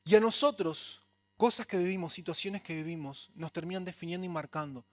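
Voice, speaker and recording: A man's voice: high voice, brisk, dry recording. A man preaching a sermon in a Rioplatense accent, earnest and conversational. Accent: Rioplatense Spanish. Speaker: pastor.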